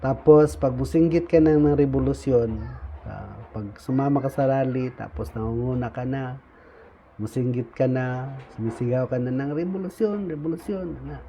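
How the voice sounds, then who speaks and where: A man explaining levels of membership in an informal talk, pausing often on fillers and tagging lines with "no?". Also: mid-range voice, dark tone. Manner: frequent "no?" tag questions, halting with fillers. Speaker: speaker explaining insurgent recruitment levels. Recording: dull lo-fi recording with faint noise.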